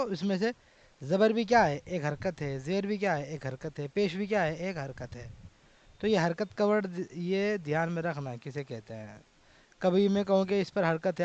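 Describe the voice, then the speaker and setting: Brief: male grammar teacher, high voice, dry dull call audio, quizzes his class as he goes. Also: darkish tone, no echo. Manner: drills with repeated questions to students. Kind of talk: online class lecture.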